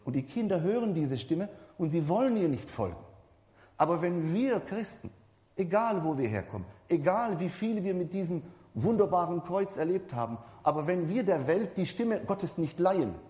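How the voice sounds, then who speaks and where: Male preacher, warm low-key timbre, loose and chatty sermon delivery, long church-hall reverb. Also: sing-song, moderate pace. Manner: conversational, addresses the congregation directly, repeats and corrects himself.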